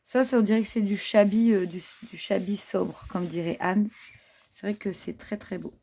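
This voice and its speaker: With a dark, medium-pitched voice, fairly even intonation and a moderate pace, a craft haul vlogger from France talks casually to viewers. She shows craft papers, using lots of fillers and admiring asides.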